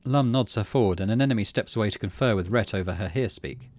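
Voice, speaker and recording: A gaming channel host runs through a game playthrough, alternating casual commentary with reading the story text aloud. His voice is lowish and a little mellow, and he talks at a quick pace.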